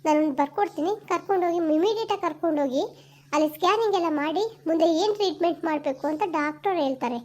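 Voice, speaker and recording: A woman's voice: very high voice, fast talker, darkish tone. A woman playing a firm female village clinic doctor in an amateur skit, urging and repeating her instructions. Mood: insistent. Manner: urgent, insistent, repeats instructions.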